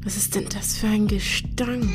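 A woman's voice: medium pitch, fairly even intonation, normal speed, over music, natural voice. A young woman playing a frightened companion in an audio drama, asking anxious questions.

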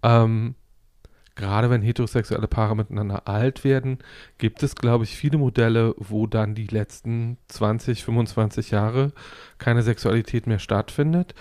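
A man's voice: medium pitch, darkish tone, dry recording, studio quality. A man hosting a casual podcast, thinking aloud hesitantly and often restarting his phrases as he reflects. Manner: hesitant, searching, repeats phrase openings. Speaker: podcast host.

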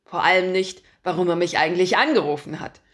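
A woman reading her own first-person story aloud with a lively, ironic manner. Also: fairly low pitch, fairly quick. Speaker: author reading her book. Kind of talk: scripted narration, reading aloud.

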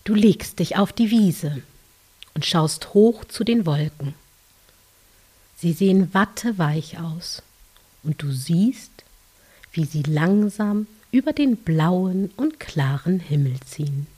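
Female narrator for children's guided relaxation: mellow, low-leaning, soft dreamy hush, soothing and unhurried. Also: lively intonation. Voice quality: soft, breathy, hushed, at times near whisper. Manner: gentle, soothing, unhurried with long pauses.

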